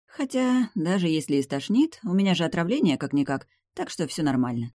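A woman's voice: fairly low pitch, sing-song, fairly quick, dark tone, dry recording, voice pushed up. A woman voicing a young vampire heroine who talks curtly and sarcastically, with cold irritation, in a dry-sounding reading.

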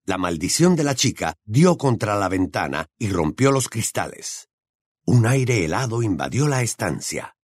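Male audiobook narrator: dramatic, expressive reading, lively intonation, dry studio sound. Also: on the low side, breathy edge, dry recording. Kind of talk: scripted narration.

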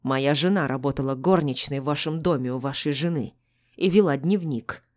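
Woman reading embittered male doctor, harsh, contemptuous, low voice, audiobook. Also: normal speed, darkish tone, close to an everyday voice. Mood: icy. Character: gruff embittered middle-aged male doctor.

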